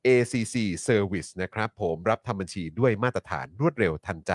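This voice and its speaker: A man's voice: lowish voice, moderate pace, dry recording, clean studio sound. A man hosting a talk show, talking animatedly with co-hosts and often turning to the viewers. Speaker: show host.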